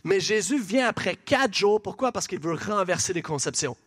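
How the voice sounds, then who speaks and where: A man with a Québécois accent preaches in a church, his voice sitting high for a man. He talks animatedly and conversationally, tossing questions and asides out to the congregation as he goes. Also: animated, normal speed, husky. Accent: Québécois French. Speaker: pastor. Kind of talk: sermon.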